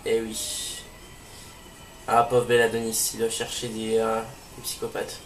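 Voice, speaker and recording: A man's voice: fairly low pitch, monotone, measured pace, a bit bright. Brief: chatty let's play host, man, echoey room, set back from the mic. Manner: chatty, filler-heavy. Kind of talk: casual game commentary. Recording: roomy, distant mic, faint hiss.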